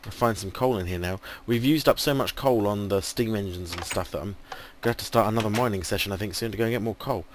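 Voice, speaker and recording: A fast-talking English gaming host barely pauses as he thinks aloud through casual let's play commentary, umming often while his voice wears out. His pitch is fairly low, with a faint hiss or hum on the recording.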